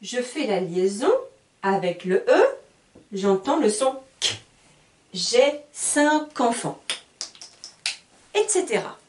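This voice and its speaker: A woman's voice: medium pitch, big pitch swings, unhurried, long pauses, slight background noise. A woman teaching a beginners' lesson, spelling words letter by letter and repeating her examples carefully. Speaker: French teacher. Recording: roomy sound, voice a bit far from the mic.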